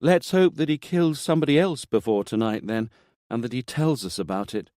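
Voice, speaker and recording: A man voicing a sharp, sarcastic female TV journalist with a dry manner. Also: mid-range voice, expressive, a little fast, no room sound, voice pushed up, lightly acted.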